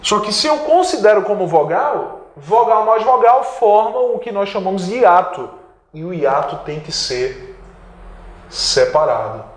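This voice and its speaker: A man's voice: high-pitched, big pitch swings, unhurried, roomy sound. A man with a Brazilian accent teaching an online grammar lesson for exam prep, emphatic, stretching key words and asking and answering his own questions. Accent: Brazilian Portuguese.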